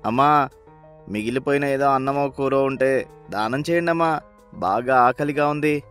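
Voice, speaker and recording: A man's voice: medium pitch, normal speed, a bit bright, faint music behind, close to an everyday voice. A man voicing a poor, hungry beggar who pleads humbly for food in a storybook tale. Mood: pleading. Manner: pleading, repeatedly begging for alms. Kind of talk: storybook voice acting.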